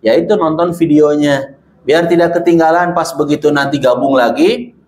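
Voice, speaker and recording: A man with a Sundanese accent teaching Quran reading to a class of women, slowly drawing out each syllable in his drills. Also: a little high, steady tone, a little mellow, reverberant. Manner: slow and deliberate, drawing out syllables in demonstrations. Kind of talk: classroom lesson with recitation drills. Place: room with women students.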